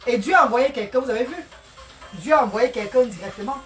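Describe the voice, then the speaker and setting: A woman with a high voice chats on a casual live stream from her home kitchen, greeting viewers one by one and repeating her words. Soft music plays faintly behind her. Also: quick pace. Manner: greets viewers by name, repeats phrases, talks while cooking; speaks of God and blessings. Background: music playing.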